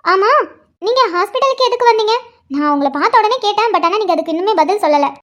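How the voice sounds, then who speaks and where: A woman voicing a caring young woman who asks a friend probing, gently persistent questions in a cartoon. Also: very high-pitched, animated, fast talker. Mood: curious.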